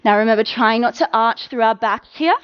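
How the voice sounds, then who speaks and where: Brisk, encouraging woman fitness instructor. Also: on the high side, clear, resonant tone, muffled recording. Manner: encouraging, brisk coaching with countdowns. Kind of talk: live workout cueing.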